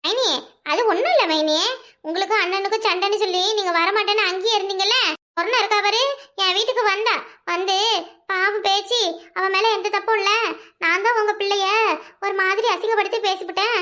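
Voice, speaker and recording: A woman's voice: extremely high pitch, fairly even intonation, fairly quick, bright, forceful tone. A woman voicing a sly, gossiping young sister-in-law in a cartoon, with a Kanyakumari Tamil accent and a wheedling manner.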